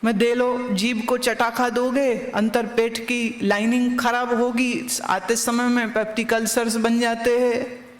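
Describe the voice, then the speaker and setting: A woman's voice: on the high side, level tone, measured pace. Woman spiritual teacher delivering a satsang, questioning listeners directly; roomy, reverberant recording. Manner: anecdotal teaching with rhetorical questions. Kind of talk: satsang discourse.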